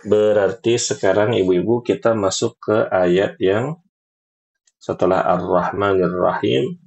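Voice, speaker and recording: A man teaching Quran recitation in an online class, patiently correcting students and demonstrating words slowly and drawn out. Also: on the low side, gravelly, darkish tone, dull audio.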